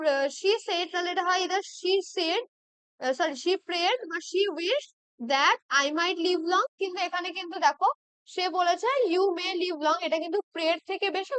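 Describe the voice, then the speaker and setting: Very high-voiced woman teaching English. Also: a bit bright, no echo. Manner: keeps checking in with tag questions, spells words out letter by letter. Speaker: English exam-prep teacher. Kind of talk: explaining exam practice questions.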